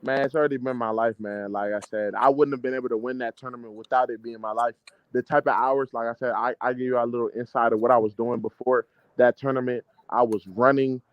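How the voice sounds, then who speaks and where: A mid-20s amateur boxer from the DC-Maryland-Virginia area speaks fast in a mid-range, steady-toned voice with an American accent. He chats casually in an interview, slangy and confident, emphatic and prone to repeating himself. The recording is dry, with highs cut off.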